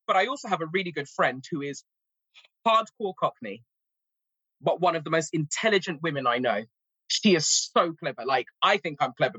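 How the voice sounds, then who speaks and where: Bright-toned North London woman. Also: low voice, slightly rough, dry recording, low-quality recording. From England. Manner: earnest, reflective, emphatic. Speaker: language teacher. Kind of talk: podcast conversation.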